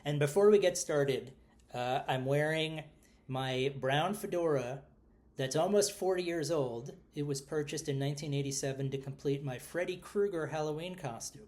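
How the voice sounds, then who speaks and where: A man's voice: fairly high pitch, normal speed, darkish tone. Rambling middle-aged man with a New York accent. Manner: rambling, self-deprecating, with fillers. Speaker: podcast co-host. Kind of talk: casual podcast chat.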